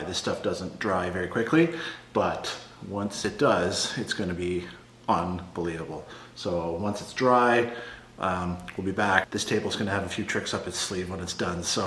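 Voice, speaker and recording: A man's voice: low-pitched, fairly bright tone, slight background noise. A man hosting his own channel, chatting in an upbeat, enthusiastic way with plenty of fillers. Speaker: drummer and channel host. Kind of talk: casual vlog chat. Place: outdoors in cold weather at a farm shop; his home studio.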